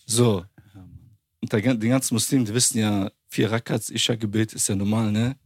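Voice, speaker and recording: A man's voice: on the low side, brisk, breathy edge, no echo, studio quality. A man casually telling a funny story on a podcast, acting out the people he quotes. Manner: animated storyteller, acts out quoted people, laughs often. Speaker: podcast host.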